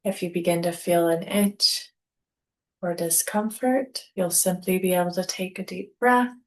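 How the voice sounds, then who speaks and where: A woman guides a yoga nidra relaxation as the instructor, her voice pitched fairly low. She speaks calmly, in short, deliberate phrases separated by pauses.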